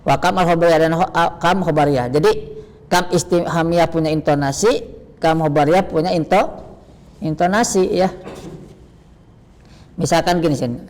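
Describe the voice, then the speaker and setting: A man teaching Arabic grammar, with a rather high voice for a man. He explains patiently, repeats each term, and asks questions that he answers himself. His voice trails off in a long reverb. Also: normal speed, long pauses. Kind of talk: online Arabic grammar lesson.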